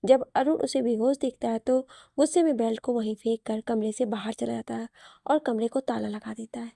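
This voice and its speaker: Female narrator for a dramatic spoken story, slightly high gravelly voice, steady paced reading. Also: normal speed, dry recording, studio quality.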